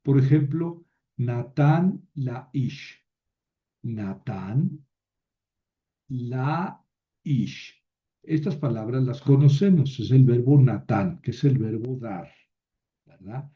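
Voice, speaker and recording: Guy teaching a grammar class real slow, lots of eh and checking you got it, kinda muffled lo-fi sound. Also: medium pitch, expressive. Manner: slow and explanatory, with frequent "eh" and "¿verdad?". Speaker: Biblical Hebrew teacher. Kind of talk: recorded grammar lecture. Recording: dull lo-fi recording.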